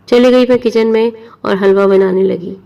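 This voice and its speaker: Gravelly-voiced woman telling a story. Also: medium pitch, steady tone, dark tone, far from the mic, muffled recording. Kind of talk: first-person story narration.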